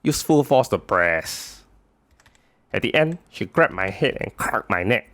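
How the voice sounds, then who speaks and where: A man's voice: on the low side, expressive, unhurried, pushed and bright. A man playing an everyday Singaporean telling grumbling anecdotes in colloquial Singlish with clipped grammar. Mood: aggrieved, exaggerated. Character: animated, complaining everyday Singlish-speaking man.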